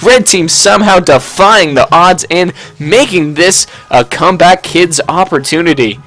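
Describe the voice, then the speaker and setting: A young man giving jokey, casual play-by-play commentary on an online match, talking quickly and tripping over his words now and then. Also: high-pitched, a bit bright. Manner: rapid, jokey play-by-play with stumbles. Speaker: game commentator. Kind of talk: casual live game commentary.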